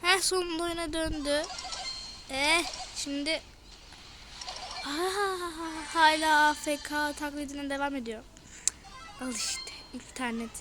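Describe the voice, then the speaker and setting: A young woman talks viewers through her match in a high voice, sounding exasperated and venting about her teammates. Loud game music plays underneath her commentary. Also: steady tone, takes it slowly, long pauses. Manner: exasperated, frequently complaining to viewers. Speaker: gaming channel host. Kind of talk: casual gameplay commentary.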